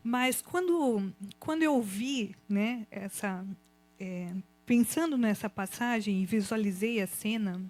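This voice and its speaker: A woman giving an emotional church testimony, telling her story in an animated, expressive way. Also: on the high side, slow pace. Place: church event.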